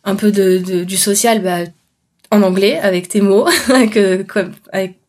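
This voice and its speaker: Young french woman, conversational interviewee, halting delivery, mid-range voice. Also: mid-range voice, steady tone, darkish tone. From France. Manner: chatty, halting, laughs now and then. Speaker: interviewee recounting work abroad. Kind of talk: casual spoken testimony.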